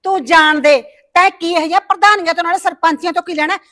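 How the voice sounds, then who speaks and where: A woman's voice: fairly even intonation, sharp tone. A middle-aged woman playing a nagging village mother and wife who scolds her husband and frets over her daughter's wedding. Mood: scolding. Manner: scolding, rapid and shrill.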